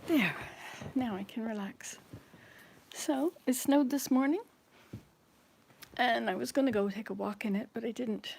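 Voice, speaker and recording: A woman's voice: a little high, a little slow, vocal fry, long pauses, a little mellow, husky. Chatty woman in her sixties vlogging chores. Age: 60s. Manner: chatty, rambling, talks to viewers while doing chores. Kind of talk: casual chat while cleaning house. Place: home indoors.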